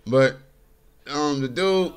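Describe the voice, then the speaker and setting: A man's voice: a little high, takes it slowly, clean tone. A man talking casually over gameplay from his bedroom, chatty and laid-back and laughing often. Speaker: gaming commentator.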